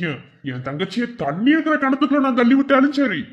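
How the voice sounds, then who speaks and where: A man plays a hot-headed village rival in a cartoon, spitting taunts and threats in a Madurai Tamil accent. His voice sits fairly high for a man, with a challenging edge. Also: big pitch swings, fast, muffled recording. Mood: menacing. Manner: taunting and menacing.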